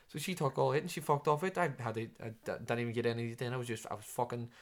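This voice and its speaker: A man's voice: medium pitch, fast talker. A man with a Derry accent telling a rambling anecdote in casual chat, swearing freely. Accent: Derry, Northern Irish. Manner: swears often, rambling, restarts a lot.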